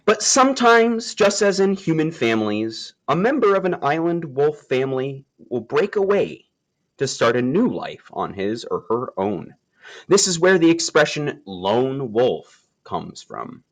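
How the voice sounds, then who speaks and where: A man with a mid-range voice reads a children's nature story aloud. His phrasing is expressive and emphatic, with dramatic pauses.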